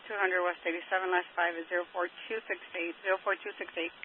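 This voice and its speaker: A man working as a police dispatcher, reading out calls in rapid, clipped bursts over a police radio channel. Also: sits high, little pitch movement. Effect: police radio transmission. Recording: tinny scanner radio with faint static.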